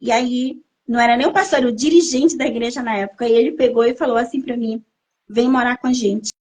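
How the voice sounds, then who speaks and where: A woman's voice: a little high, fairly even intonation, fast talker, a little mellow. A woman in her thirties from Brazil, a podcast guest telling her life story as an emotional testimony and repeating phrases for emphasis. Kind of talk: personal testimony in a podcast interview.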